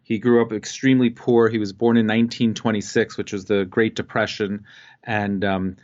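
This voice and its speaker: A man from Costa Rica, a guest entrepreneur, telling his life story in a relaxed way with many pauses and fillers. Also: on the low side, lo-fi sound.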